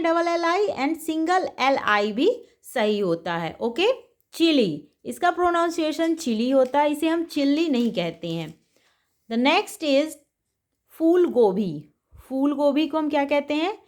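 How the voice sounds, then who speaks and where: A woman from India teaching children vegetable names, repeating each word slowly and carefully to show pronunciation. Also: sits high. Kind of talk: vocabulary lesson for children.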